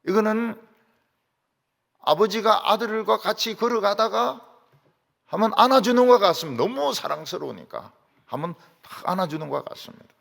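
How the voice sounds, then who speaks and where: Animated pastor. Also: male voice, high voice, normal speed, gravelly. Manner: animated, questions the congregation, swings loud and soft. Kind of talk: sermon. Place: church sanctuary. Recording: long hall reverb.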